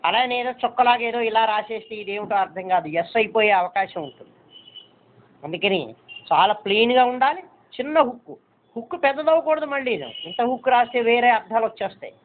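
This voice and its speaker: A man's voice: very high voice, quick pace, a little hiss or hum. A man teaching a shorthand lesson step by step, patiently repeating points and checking that students understand. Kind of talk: step-by-step classroom instruction. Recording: tinny phone-like recording.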